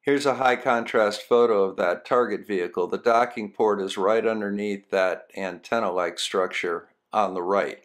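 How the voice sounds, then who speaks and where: A man narrates documentary material as a host. His voice sits a little low, and his delivery is explanatory and scripted. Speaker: science video host.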